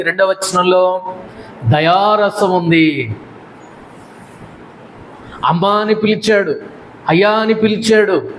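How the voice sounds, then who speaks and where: A man's voice: high-pitched, slight background noise, rough recording. A male pastor delivering a sermon, with repeated refrains and rhetorical questions.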